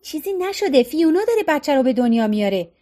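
A calm, reassuring middle-aged mother from an audiobook, voiced by a woman in a high voice. She speaks in a soothing, easy way. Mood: chatty.

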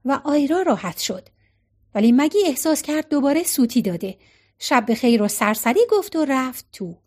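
A woman with a high-pitched voice reads a story aloud as an audiobook narrator. Her storytelling is expressive, and she gives light shading to each character's lines.

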